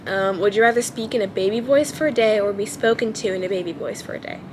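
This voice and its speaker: This vlogger is a young woman who talks fast at a medium pitch, her voice sounding childlike and baby-ish. Chatting casually to camera at home, she thinks aloud in a relaxed, hesitant manner with many ums. Background noise is audible.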